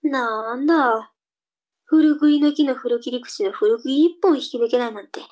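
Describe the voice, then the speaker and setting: A woman's voice: high voice, a little slow, a little mellow. A woman voicing a cheeky, sulky younger sister in a comic tongue-twister reading drama, with a cute anime-girl delivery.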